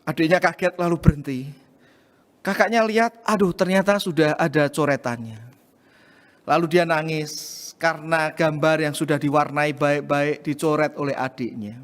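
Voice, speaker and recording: Male pastor, high voice, storytelling sermon, long church reverb. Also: moderate pace. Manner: storytelling, addresses congregation as saudara, animated acting out of quoted lines. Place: church hall.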